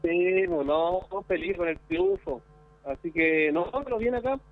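Chilean male musician guest, slightly high, easygoing, halting; calls in on a tinny, choppy internet line. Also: lively intonation. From northern Chile. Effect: choppy internet call audio that cuts out. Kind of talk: casual chat over a call. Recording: tinny phone-like call line with faint music.

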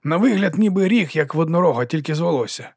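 An eager, not-too-bright young rocker, played by a male reader, voice pitched well up. He peeks and babbles with unsure excitement. Dry, close audiobook sound. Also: fast, husky, no echo. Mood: excited.

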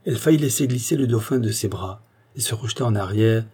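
A man narrating a classic novel as an audiobook, with expressive, theatrical delivery. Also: lowish voice, fast talker, slightly rough.

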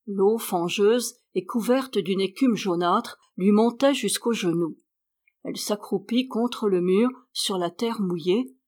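A woman narrating a classic novel as an audiobook reader, lifting her voice higher and louder for the characters' lines. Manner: voices characters by rising in pitch and volume.

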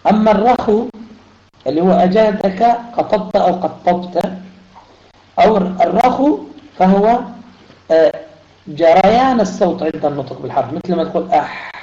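A man's voice: high voice, mellow. A man teaching a recitation lesson online, explaining patiently and sounding out letters to demonstrate. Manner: switches between Arabic and German in explanation. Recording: roomy, dull online audio.

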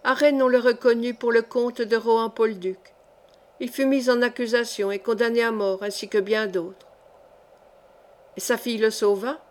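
A woman reading a historical novel aloud in a measured, clear way. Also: on the high side, fairly even intonation. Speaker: audiobook reader.

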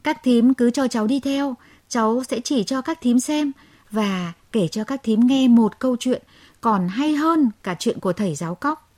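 A woman's voice: on the high side, animated, normal speed, darkish tone. A woman voicing a naughty young boy frog who skips school, with a childish, whiny way of talking. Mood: sulky boastful.

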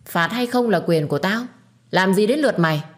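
A woman's voice: medium pitch, lively intonation, brisk, voice pushed up, natural voice. A woman doing a harsh scolding old grandmother. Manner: sharp, bossy scolding.

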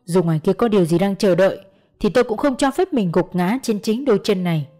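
A woman narrating a first-person crime audiobook in a calm, measured manner. Her voice is dark and mellow, with faint music playing underneath. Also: medium pitch.

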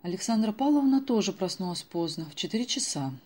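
A woman narrating an audiobook in an even, measured storytelling manner. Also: medium pitch.

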